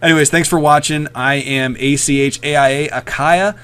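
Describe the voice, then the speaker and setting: A man's voice: a little high, fairly even intonation, moderate pace, fairly bright tone, clean tone. A very tired man casually commenting on a replay of his own match late at night, rambling with many ums and uhs.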